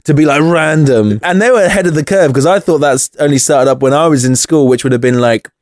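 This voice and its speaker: A man's voice: fairly high pitch, quick pace, a little mellow, no echo, studio quality. A man co-hosting a podcast, chatting casually and rambling with fillers and laughs. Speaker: podcast co-host. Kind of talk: casual chat reviewing a cartoon episode.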